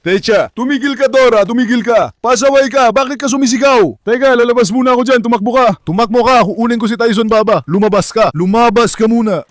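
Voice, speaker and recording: A man's voice: extremely high pitch, fairly quick, few pauses, no room sound, studio quality. A man vlogging casually from his backyard pool, coaxing and calling his dogs with affectionate talk to them and his viewers. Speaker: vlogger and dog owner.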